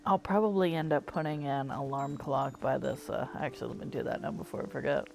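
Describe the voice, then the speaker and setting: A woman giving soft, easygoing gameplay commentary, thinking aloud as she plays. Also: a bass voice, steady tone, a little fast, creaky. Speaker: gaming streamer. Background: faint game music.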